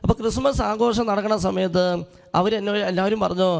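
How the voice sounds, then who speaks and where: ഒരു പുരോഹിതൻ ഹാളിന്റെ മുഴക്കത്തിൽ, ഒരു അനുഭവകഥ പറഞ്ഞുകൊണ്ടുള്ള പ്രസംഗം. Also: male voice, high voice, fairly even intonation, fast, creaky. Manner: earnest storytelling, acts out quoted speech. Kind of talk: sermon with a personal story. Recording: long hall reverb.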